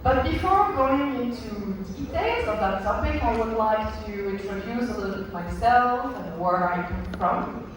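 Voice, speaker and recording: A man's voice: high voice, animated, measured pace, hardly any pauses. A man from Belgium with a Belgian French accent, whose first language is French, giving a conference talk with many fillers and restarts. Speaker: lecturer. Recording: echoey hall from far off, noisy.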